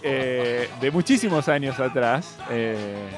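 A man's voice: mid-range voice, animated, takes it slowly. Male radio host, Argentine accent, friendly interviewer, faint music underneath. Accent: Argentine Spanish.

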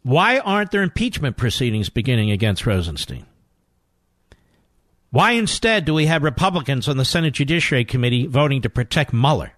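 A man hosting a talk radio show, speaking forcefully and asking indignant rhetorical questions. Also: medium pitch, sing-song, fairly quick, no echo, clean studio sound. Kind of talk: talk radio monologue and call-in.

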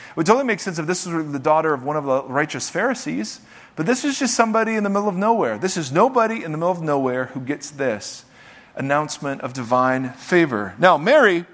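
In a church with a live congregation, a male pastor preaches a sermon in a voice that sits a little high for a man. His tone stays easygoing and conversational as he alternates between reading scripture aloud and tossing off casual jokes to the listeners in front of him.

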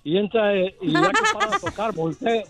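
A man calling in to a radio show to tell a joke, plain and unhurried. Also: extremely high pitch, wildly swooping pitch, vocal fry, music in the background. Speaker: caller. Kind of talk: telling a joke on a call-in show. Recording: dull call-in audio.

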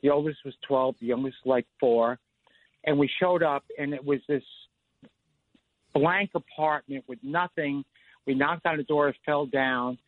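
A man's voice: medium pitch, steady tone, unhurried, dry recording. A man in his fifties, a radio show caller on a phone line, telling a long personal story with many "you know" and "like" fillers. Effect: phone line call-in to a radio show. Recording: tinny dry phone line.

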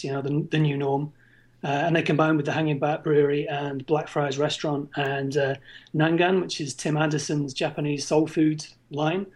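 A man chatting casually as a podcast guest, in a droll, understated way. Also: on the high side. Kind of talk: casual chat.

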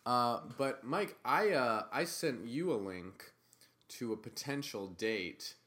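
A man co-hosting a podcast in casual, joking chat, with playful deadpan asides. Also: medium pitch, slow pace. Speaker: podcast co-host.

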